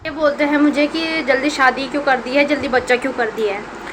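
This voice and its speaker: A woman's voice: sits high, fairly even intonation, a little fast, noisy background. A young woman vlogger in her twenties with a Hindi accent, chatting jokingly to her viewers at home. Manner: joking, chatty, addresses friends. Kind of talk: casual vlog chat.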